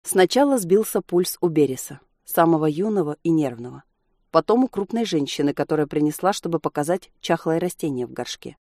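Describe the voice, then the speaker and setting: A woman reading a novel aloud as audiobook narrator, steady and even. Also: low voice, brisk, no room sound, clean studio sound. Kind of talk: scripted narration.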